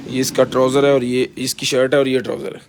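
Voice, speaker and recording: A man with a Pakistani accent giving a casual live sales pitch as a seller, pushing items hard and repeating himself like a hard-sell ad. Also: completely flat delivery, quick pace. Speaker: live-stream seller of container goods.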